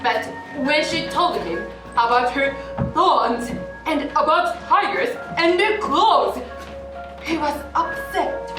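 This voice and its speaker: A young woman narrating a student stage play in a slow, gentle storytelling manner. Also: sits high. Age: young adult. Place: theater stage. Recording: echoey hall from far off, with music. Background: music.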